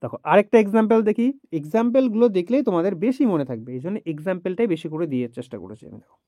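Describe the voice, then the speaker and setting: A teacher explaining grammar rules, asking students questions and answering them, reading the example sentences out slowly. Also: medium pitch, very animated, dark tone, dry recording, clean studio sound.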